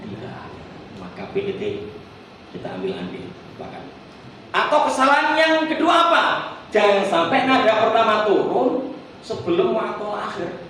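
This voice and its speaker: A man leads a recitation class, explaining tune rules and chanting verses for his students to copy. His voice sits high for a man. It is picked up from across a very echoey hall. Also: very animated, a bit bright, slight background noise. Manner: explains then sings Quranic verses slowly for the group to repeat. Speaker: Quran recitation trainer. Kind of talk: teaching a workshop, demonstrating chanted recitation. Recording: echoey hall, distant mic.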